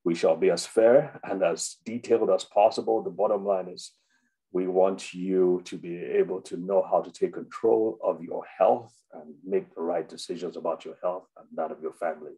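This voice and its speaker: A man's voice: sits low, fairly even intonation, normal speed, dark tone, breathy edge, poor audio. A man, a doctor, giving an unscripted health webinar, with many fillers and restarts. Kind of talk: informal health talk.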